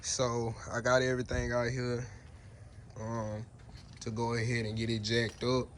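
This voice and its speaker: A man's voice: medium pitch, unhurried. A man talking casually while he works on a truck outdoors, recorded on a phone camera. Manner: relaxed, talks as he works, points things out. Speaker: DIY car repair vlogger. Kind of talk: casual how-to narration while working. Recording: noisy outdoor phone video.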